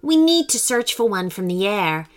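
A woman's voice: medium pitch, very animated, moderate pace, close to an everyday voice. A woman voicing an eager, cheerful male adventurer in a storybook reading. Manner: bright and enthusiastic.

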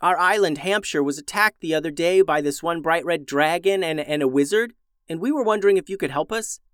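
A man's voice: on the high side, fairly quick, clean tone, no echo, studio quality, voice pushed up, natural voice. June, a man doing an eager young girl. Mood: polite. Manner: excited, polite.

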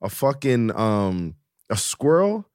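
A man's voice: lowish voice, very animated, slow pace, a little mellow, dry recording, studio quality. A young man telling stories among friends in casual, emphatic slang, arguing his points playfully.

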